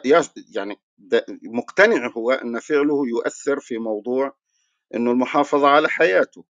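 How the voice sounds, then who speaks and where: Gravelly-voiced man lecturing. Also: mid-range voice, no echo, lo-fi sound. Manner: explanatory, poses rhetorical questions and answers them. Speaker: religious speaker. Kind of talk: religious lecture.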